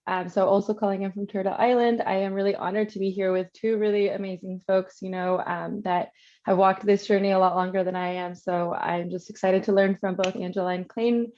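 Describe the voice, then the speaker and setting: A woman's voice: medium pitch, fairly even intonation, brisk, a little mellow. A woman from Washington State speaking earnestly and humbly as a panelist over a video call, with ums. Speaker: panelist, activist. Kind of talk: casual panel talk. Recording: muffled call audio.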